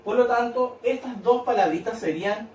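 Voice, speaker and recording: A man's voice: very high voice, normal speed, recorded from a distance, a little hiss or hum. A male teacher explaining a worksheet in a patient, repetitive way, checking in with tag questions. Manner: patient, repeats and claps out syllables, tag questions. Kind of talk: recorded lesson explaining a worksheet. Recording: echoey room, off-mic.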